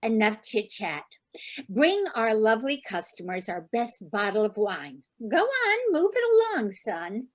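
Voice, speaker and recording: A woman's voice: medium pitch, expressive, unhurried, natural voice, rough recording. An actress playing a scheming, pushy mother who runs a restaurant and sweet-talks her guests in an amateur stage play. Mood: coaxing. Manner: sweet-talking, bossy. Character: scheming older woman innkeeper, pushy mother.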